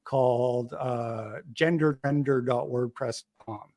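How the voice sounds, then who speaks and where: A man's voice: mid-range voice, slow, a little mellow. A man debating online in an insistent, combative way, often repeating himself to press his point. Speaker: debate participant. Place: online voice call.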